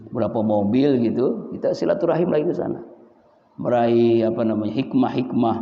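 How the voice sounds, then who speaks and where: A man's voice: fairly low pitch, creaky. A man giving an informal, chuckling sermon to his congregation, full of religious exclamations. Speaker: preacher. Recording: echoey hall, dull lo-fi sound.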